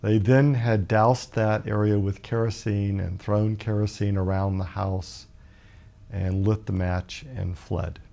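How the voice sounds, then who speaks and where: A man in his fifties from Alabama, a guest author telling a personal story in a measured, reflective way with many pauses. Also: fairly low pitch, fairly even intonation, gravelly, mellow. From Birmingham, Alabama, USA. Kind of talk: personal storytelling in a talk show interview.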